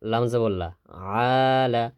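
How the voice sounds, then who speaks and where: A man's voice: medium pitch, little pitch movement, clear, resonant tone. Man drilling recitation spelling. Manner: drills slowly, repeating syllables, asks and answers his own questions. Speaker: Quran recitation teacher. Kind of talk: step-by-step spelling lesson.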